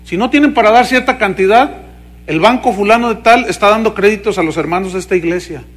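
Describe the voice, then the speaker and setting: A male pastor with a Mexican Spanish accent preaches a sermon with animated, mocking energy. He keeps turning questions on the congregation, his voice sitting high for a man. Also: quick pace.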